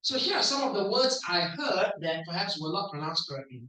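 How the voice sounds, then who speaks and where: A Singaporean man gives a playful speech evaluation at a club meeting, sounding out words slowly for the room to repeat. His voice is bright and clear. He stands back from the mic, and the room echoes heavily. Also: high-pitched, big pitch swings, recorded from a distance. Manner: playful, drills words aloud slowly for the audience. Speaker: language evaluator at a speaking club.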